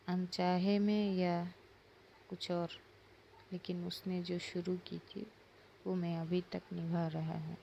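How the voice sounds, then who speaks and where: A woman's voice: fairly low pitch, vocal fry, mellow, highs cut off, slight background noise. A woman playing a protective young man who speaks earnestly and soothes a crying child.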